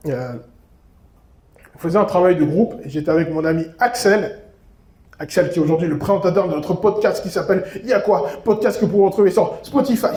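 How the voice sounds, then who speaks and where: A man's voice: high voice, dark tone. A young man from Seine-et-Marne in France, doing a self-mocking stand-up set on a comedy club stage. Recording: roomy club echo.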